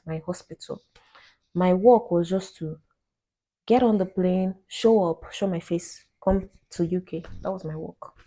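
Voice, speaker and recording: A young woman tells a personal story straight to camera, chatty and emphatic. Her voice sits low and mellow with a slightly husky edge. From Nigeria. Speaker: vlogger.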